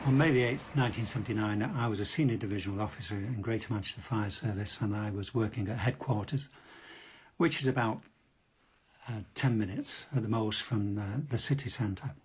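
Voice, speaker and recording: An older man with a low, husky voice gives a steady account in an interview. He speaks as a retired fire officer, calm and matter-of-fact. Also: fairly quick. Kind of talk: interview recollection.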